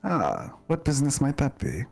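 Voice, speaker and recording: A man playing a polite, awkward lordly gentleman in a tabletop game, with formal, hesitant, courteous phrasing. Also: medium pitch, huge pitch swings, moderate pace, vocal fry, soft background music, full character voice.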